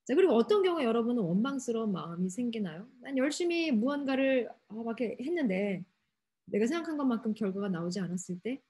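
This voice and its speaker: A woman youth pastor giving a lively sermon to teenagers, asking them many questions and acting out quotes. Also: a little high, fast talker, slightly rough. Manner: asks the audience many questions, acts out quotes animatedly. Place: church hall.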